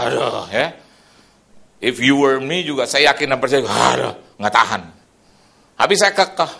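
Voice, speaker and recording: A middle-aged man preaching a lively sermon in a church, swinging between loud and soft and adding sound effects. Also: mid-range voice, gravelly, slightly rough. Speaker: pastor, evangelist.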